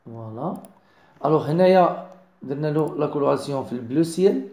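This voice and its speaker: A man with a Moroccan accent giving a software design tutorial, mixing in French words and often checking that viewers follow. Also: on the high side, lively intonation, quick pace, roomy sound. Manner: mixes French into explanations, keeps checking understanding. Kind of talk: screen-recorded software tutorial.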